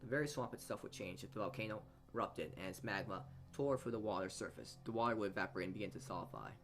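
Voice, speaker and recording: A man with a lowish, fairly bright voice reads a visual novel aloud as a let's play host, tossing in side comments. He stumbles over words and rereads phrases, with game music playing behind him.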